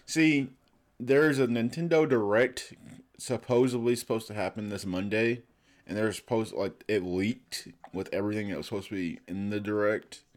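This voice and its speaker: Male host, lowish voice, informal gaming talk, leans heavily on "like" as a filler. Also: steady tone, moderate pace. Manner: says "like" and "I'm like" very often. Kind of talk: casual chat about gaming news.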